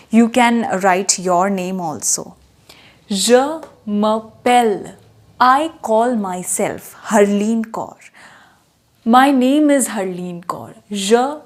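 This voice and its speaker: Slow, high-voiced woman teaching French. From India. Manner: repeats words slowly, spells them out. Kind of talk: slow, patient language lesson.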